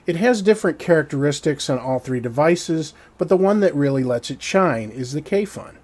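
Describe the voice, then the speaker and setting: A man in his thirties giving a scripted, wry and descriptive product review to camera, with a measured delivery, in a small dark indoor studio on a standing mic. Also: on the high side, expressive.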